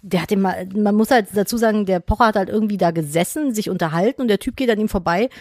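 A woman co-hosting a casual podcast, teasing her partner and dropping quick remarks into his stories. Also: mid-range voice, darkish tone, dry recording, clean studio sound. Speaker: podcast co-host. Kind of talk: casual chat.

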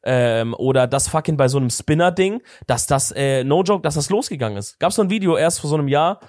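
A man's voice: on the high side, lively intonation, brisk, a little mellow, dry recording, studio quality. A young man co-hosting a podcast in casual chat, slangy and swearing as he tells stories with animation. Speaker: podcast co-host.

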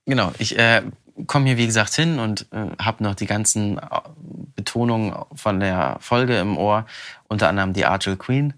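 A man answering interview questions in quick, animated bursts with a bright, forceful edge to his voice. His pitch sits on the lower side, and he keeps up a lively, talkative manner. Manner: animated and chatty, quick bursts, frequent laughs. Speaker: voice actor interviewed about his audiobook.

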